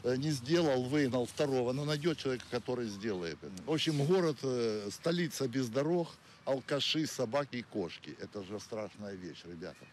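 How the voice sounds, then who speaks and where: A man's voice: mid-range voice, expressive, a little fast, hardly any pauses, slight background noise. A man answering a street interview in a blunt, exasperated way. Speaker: passer-by.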